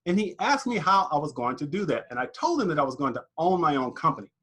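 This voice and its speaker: A man hosting a podcast interview, upbeat and animated as he introduces his guest. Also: fairly high pitch, quick pace, husky. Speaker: podcast host.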